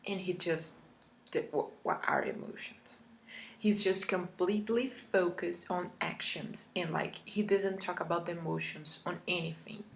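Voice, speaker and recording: A woman's voice: on the low side, measured pace, creaky, a little hiss or hum. A woman vlogger ranting in a frustrated, exasperated way, with many fillers. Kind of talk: casual rant vlog.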